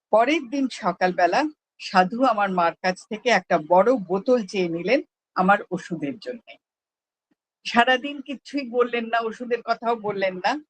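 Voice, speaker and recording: A person reads a personal memoir aloud at a prayer gathering, telling it slowly and evenly. The voice sits in a plain middle register, neither high nor low, and the delivery stays measured throughout. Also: no echo, low-quality recording.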